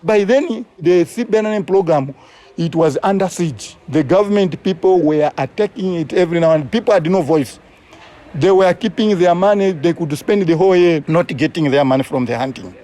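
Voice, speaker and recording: A man's voice: on the high side, normal speed, mellow. A Zambian man, a community conservation coordinator, recounting his story earnestly in an interview. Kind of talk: interview recollection.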